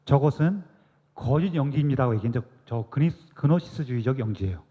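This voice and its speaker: A man's voice: medium pitch, lively intonation, fairly quick, slightly rough. Man lecturing in an echoey hall. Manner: asks the audience questions and answers them himself; acts out quoted speech, drops to a soft hush. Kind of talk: church lecture. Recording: long hall reverb, dull lo-fi sound.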